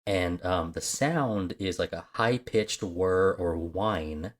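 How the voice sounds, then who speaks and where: Speaking slowly in a low register, a podcast co-host chats casually about films. He meanders off on tangents, with many fillers and restarts along the way.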